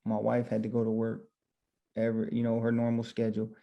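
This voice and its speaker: A man's voice: medium pitch, completely flat delivery, brisk, gravelly, highs cut off. A man who owns barbershops, guest on a podcast, telling his story casually and retelling his own thoughts as quotes.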